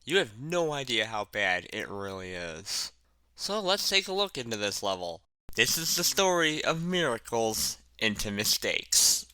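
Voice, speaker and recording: A man's voice: mid-range voice, very animated, a little slow, bright, forceful tone, clean tone, no echo. A man with a lisp and odd emphasis on random words, narrating a casual, sardonic, sweary video essay into a headset mic. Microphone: cheap headset mic.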